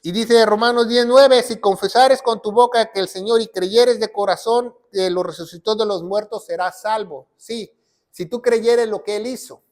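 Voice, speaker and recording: Here a pastor with a high-sitting voice preaches at normal speed. His sermon teaches through repeated short phrases and recited scripture, and at times he moves away from the microphone.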